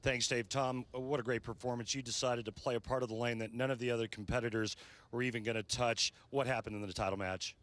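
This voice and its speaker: A man's voice: medium pitch, steady tone, fast talker, a bit bright. A man interviewing live as a sideline sports reporter. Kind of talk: live post-match interview.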